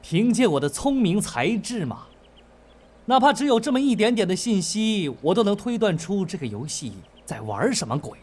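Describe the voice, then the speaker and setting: A cocky, smug young schemer. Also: male voice, high-pitched, sing-song, moderate pace, darkish tone. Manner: boastful, smug. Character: cocky modern young man stuck in ancient-times game. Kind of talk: TV comedy drama acting.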